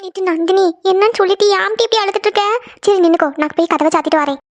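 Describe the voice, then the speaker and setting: A woman's voice: very high voice, rapid-fire. A woman voicing a caring young woman who coaxes her crying friend with repeated questions in a cartoon. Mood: coaxing. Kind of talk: cartoon voice acting.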